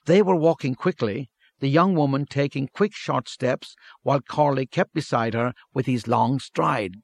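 A man narrating a story in a measured, steady reading. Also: mid-range voice, gravelly, dry recording, clean studio sound.

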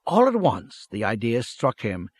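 A man reads a literary story aloud in a measured, steady way at an even middle pitch. The sound is dry and close, with no room around the voice. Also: slightly rough, dry recording. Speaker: narrator. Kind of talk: scripted story narration.

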